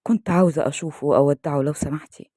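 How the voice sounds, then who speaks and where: A woman's voice: low voice, very fast, dark tone, breathy edge, no room sound, clean studio sound. A woman voicing a worn-out, grieving young widow who speaks with an Egyptian accent. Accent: Egyptian Arabic. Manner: weary, pleading.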